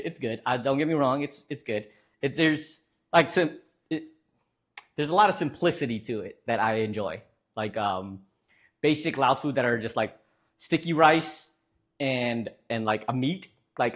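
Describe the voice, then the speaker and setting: A man's voice: mid-range voice, a bit bright. A young man streaming live, chatting casually with viewers in a joking, rambling way with lots of fillers.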